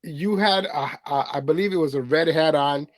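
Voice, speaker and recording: A man hosts a podcast, asking questions in a casual chat, hesitant and full of fillers and restarts. His voice is fairly high and his pace moderate, recorded dry.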